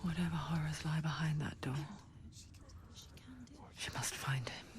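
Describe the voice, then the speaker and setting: An actress playing an eerie female voice that narrates a dark myth in a video game in a breathy whisper. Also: sits low, fairly even intonation, measured pace, slight background noise. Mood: ominous, hushed. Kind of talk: whispered dramatic game acting.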